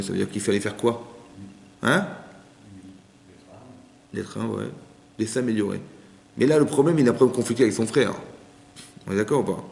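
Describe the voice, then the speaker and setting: A rabbi with a lowish, gravelly voice lectures on scripture, translating verses line by line and putting questions to his audience. The class takes place in a community centre hall, and the recording echoes with long reverb.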